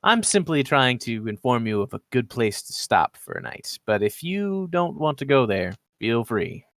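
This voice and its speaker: A man voicing a worldly ship captain in a tabletop game, talking in a measured, dry and probing way. The sound is close and dry, with no room around it. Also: medium pitch, big pitch swings, vocal fry, fairly bright tone, dry recording. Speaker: game master. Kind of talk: tabletop role-play.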